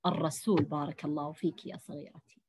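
A woman teaching a lesson to young girls, praising each answer and sounding out words slowly. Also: mid-range voice, sing-song. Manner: warm praising teacher, drawn-out encouraging words. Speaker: primary school teacher. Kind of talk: online Arabic language lesson for young girls.

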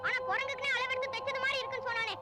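An indignant, excitable young friend who rattles off complaints. Her voice is very high. Loud film music plays behind her. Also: very fast. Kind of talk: 1990s film comedy acting.

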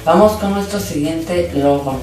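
A woman hosts a casual craft tutorial in an enthusiastic, sing-song way. Her voice sits at a middle pitch. It sounds very echoey and set back from the mic, with clear music behind it. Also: a little slow. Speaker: host of a slime craft channel. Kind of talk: casual hands-on craft narration. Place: indoors at a tabletop, hands-only shot. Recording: very echoey room, distant mic, background music.

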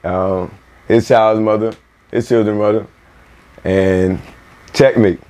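Bahamian guy, pretty low voice, chill rambling chat in a studio. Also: steady tone, takes it slowly, mellow. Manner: laid-back, loose, many fillers and repeated words. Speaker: guest, record label owner. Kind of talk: casual interview chat. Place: small music studio indoors.

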